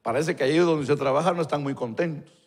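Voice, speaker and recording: A male pastor, telling a story in a live sermon and acting out the dialogue in quieter voices. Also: fairly high pitch, fast. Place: church hall. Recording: long church-hall reverb.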